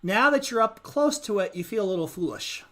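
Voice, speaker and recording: A woman's voice: medium pitch, expressive, a little fast. Woman game master, chatty and giggly, loose rambling narration. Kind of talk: narrating a live tabletop game.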